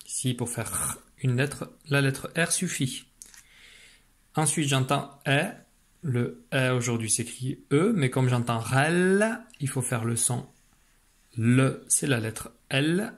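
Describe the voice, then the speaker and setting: A male teacher leads a spelling dictation at an unhurried, deliberate pace. He speaks patiently and repeats each syllable. His voice sits at a middle pitch. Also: lively intonation. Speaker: primary school teacher.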